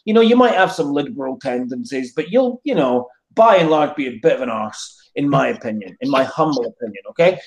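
A man's voice: mid-range voice, animated, fairly quick, hardly any pauses. A man with a modern British accent giving opinions in casual discussion, emphatic and often checking in with short tag questions. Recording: roomy, echoey sound.

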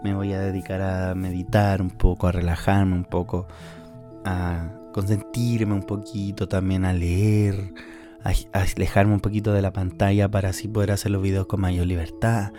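A man's voice: sits low, little pitch movement, normal speed. A man in his early twenties with a Chilean accent, talking candidly and emotionally about stress and anxiety in a casual podcast monologue, with faint music behind him. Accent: Chilean Spanish. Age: 20s. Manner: candid, emotional, swings between laughing and tearful. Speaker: podcast host.

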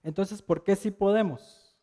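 A man's voice: high-pitched, unhurried, warm tone. A middle-aged man preaching a sermon, telling a personal anecdote in a conversational storytelling way with rhetorical questions.

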